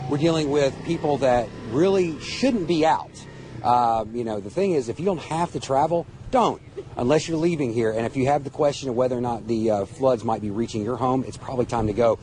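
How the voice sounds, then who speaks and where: A man's voice: medium pitch, warm tone. A man giving an unscripted live field report in a rambling, conversational, repetitive way. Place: outdoors by a road. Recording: faint outdoor traffic noise.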